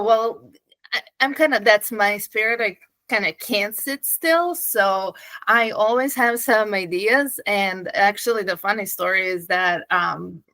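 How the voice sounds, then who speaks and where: Bright-voiced woman with a Serbian accent. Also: mid-range voice, no echo, low-quality recording. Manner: lively, laughs often, hesitant fillers. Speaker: guest. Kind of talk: casual interview storytelling.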